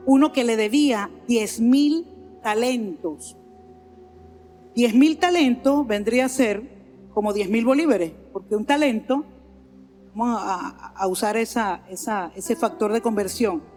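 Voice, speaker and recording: A woman's voice: on the high side, a little mellow. A woman pastor with a Venezuelan accent preaching a sermon in a church, earnestly repeating her phrases for emphasis. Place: large church sanctuary. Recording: long hall reverb, faint music underneath.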